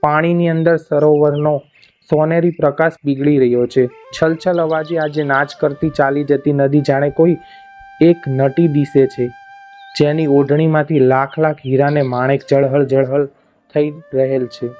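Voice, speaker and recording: A man narrating a folk tale as a storyteller, in a measured, dramatic reading. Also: on the high side, flat delivery, warm tone. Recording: dull lo-fi audio, faint music.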